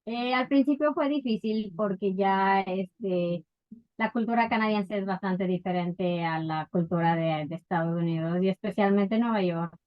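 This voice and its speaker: Unhurried woman from Ecuador, lo-fi sound. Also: medium pitch. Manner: thoughtful, unhurried storytelling with many fillers. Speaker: guest entrepreneur. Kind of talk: casual interview.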